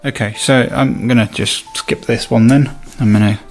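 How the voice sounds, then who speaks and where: A man with a medium-pitched, fairly even voice talks at normal speed over soft background music. He gives a casual, hands-on unboxing and product review, thinking aloud informally as he demonstrates.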